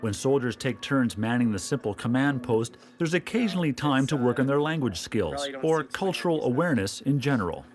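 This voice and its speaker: A man reading scripted documentary narration in a calm, measured way. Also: mid-range voice.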